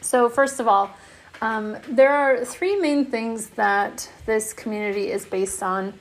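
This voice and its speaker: A woman who founded an online community, talking casually and softly about it, with frequent fillers and restarts. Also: a little high, takes it slowly. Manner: soft, meandering, many fillers and restarts. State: has the hiccups. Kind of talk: casual spoken promo talk.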